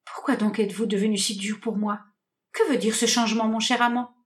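A woman's voice: on the high side, steady tone, brisk, lightly acted. A woman voicing a small, fiery young woman jilted in love, theatrical and full of indignant questions, in a read-aloud stage comedy. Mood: hurt, bewildered.

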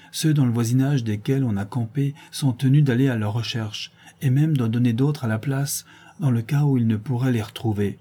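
A man narrating an old travel account in a measured, formal reading. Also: mid-range voice, dark tone, slightly rough. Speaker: audiobook narrator.

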